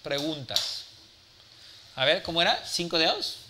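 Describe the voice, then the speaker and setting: A man in his forties giving a live mentoring talk, blunt and forceful, swearing freely and checking in with the audience. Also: fairly high pitch, big pitch swings, a little slow, background noise. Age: 40s. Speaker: business speaker and mentor.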